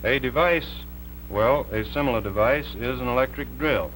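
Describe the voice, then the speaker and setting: A man, an electrical engineer, explaining a technical demonstration in a measured, plain way, heard as a 1950s TV broadcast. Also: medium pitch, background noise. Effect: 1950s TV broadcast sound.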